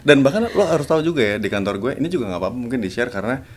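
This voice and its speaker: An easygoing man hosts a casual podcast chat. He speaks at a middle pitch and keeps things relaxed. His sentences are loose and full of fillers. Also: very fast, a little hiss or hum. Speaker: podcast host.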